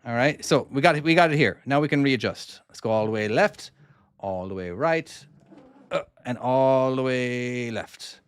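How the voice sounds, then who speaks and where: A man from Cork, Ireland, with an Irish accent casually commentates live on his own trucking game, talking himself through each maneuver and answering viewers' chat questions. His mid-range voice has lively intonation at a normal speed, with a clean tone and no echo.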